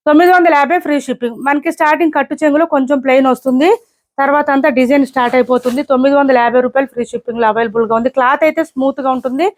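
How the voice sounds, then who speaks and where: Woman seller, high voice, fast brisk pitch, repeats prices often. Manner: brisk, repetitive price callouts. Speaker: saree seller. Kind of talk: online sales showcase.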